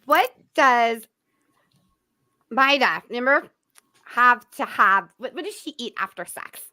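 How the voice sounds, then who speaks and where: A high, bouncy woman's voice that swoops up and down as she runs a trivia game. Her tone is bright and ringing, and she laughs easily and sings bits of lyrics. She sounds like she is on a video call. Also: takes it slowly. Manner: lively, laughs often, sings lyric snippets. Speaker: quiz host. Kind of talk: casual trivia game chat.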